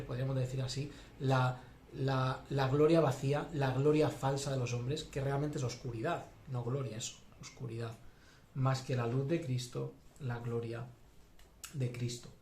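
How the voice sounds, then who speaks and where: A man's voice: medium pitch, fairly even intonation, unhurried, a little mellow, slight background noise. A man preaching a sermon as pastor, thinking aloud with many fillers and restarts. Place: church hall. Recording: echoey church hall.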